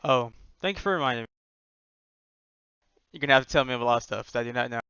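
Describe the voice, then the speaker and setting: Male military-sim player, bright and crisp, procedural radio talk and casual squad chat. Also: medium pitch, fast, dry recording, highs cut off.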